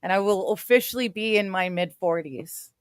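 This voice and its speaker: A woman in her forties chats casually with friends on a stream, laughing often and poking fun at herself. Her mid-range voice moves at a moderate pace, and the studio-quality recording is clean with no room sound.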